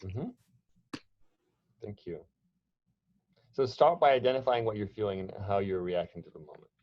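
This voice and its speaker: A man's voice: fairly low pitch, expressive, moderate pace, muffled recording. A man presenting an online workshop, talking conversationally with frequent restarts and fillers. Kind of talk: online training talk.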